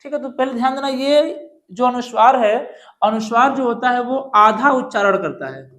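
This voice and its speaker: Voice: mid-range voice, lively intonation, normal speed, fairly bright tone. Grammar teacher, exam-prep lesson, explains step by step, asks and answers own questions, keeps checking in. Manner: explains step by step, often checking in with "ठीक है" and "दोस्तों". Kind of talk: exam-prep lesson walking through multiple-choice questions.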